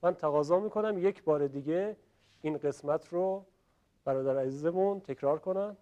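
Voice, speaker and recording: A Quran recitation teacher gives a classroom lesson on pronouncing Arabic letters, politely asking students questions. His voice is a little high and warm, he draws out example words slowly as models, and the sound is lo-fi.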